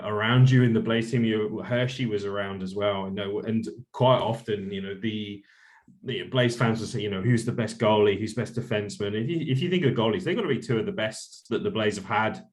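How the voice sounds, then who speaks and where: Male podcast host, low voice, chatty and hesitant. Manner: chatty, hesitant questions with many fillers. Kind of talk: casual podcast interview.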